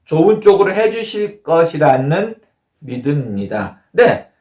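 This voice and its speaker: A male pastor delivers a storytelling sermon in a fairly high voice. He slips into quoted prayers and dialogue as he goes. The sound is roomy, with echo around him. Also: sing-song, unhurried, darkish tone. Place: church.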